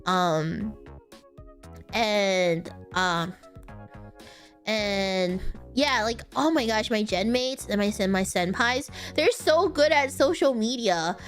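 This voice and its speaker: A woman's voice: medium pitch, slow, faint music behind. A young woman streaming, chatting casually with lots of fillers, giggles and restarts.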